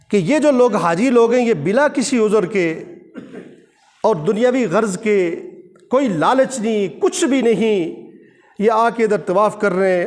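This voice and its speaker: A man from Kashmir preaching a sermon, stressing points through rhythmic repetition of short phrases. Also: sits high. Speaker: mosque preacher.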